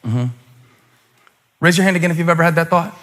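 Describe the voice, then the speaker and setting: A man preaching a sermon to a congregation, talking conversationally and then rising to loud exhortation. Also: fairly high pitch, brisk. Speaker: pastor.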